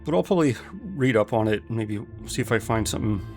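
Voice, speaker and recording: A man's voice: on the low side, lively intonation, brisk, a little mellow, soft background music. A man streaming a game, chatting casually with viewers and thinking aloud with lots of fillers.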